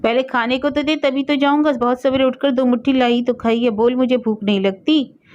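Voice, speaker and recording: A woman voicing a hungry, defiant village boy who shouts back and sulks, in a storybook reading. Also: mid-range voice, normal speed, voice pushed up, lightly acted. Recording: dull lo-fi recording.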